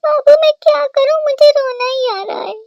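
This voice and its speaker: एक महिला द्वारा रोनी, नाटकीय नई बहू. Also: female voice, very high voice, fairly even intonation, slow pace, no echo, dull audio. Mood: weepy. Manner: tearful, theatrical, mixes English words. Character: young emotional dramatic daughter-in-law.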